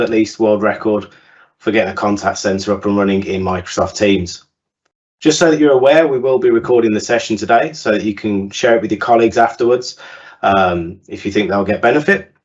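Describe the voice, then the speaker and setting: A man hosting a webinar, upbeat and presenting with frequent fillers. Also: on the low side. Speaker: webinar host. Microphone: video call. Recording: lo-fi webinar call audio.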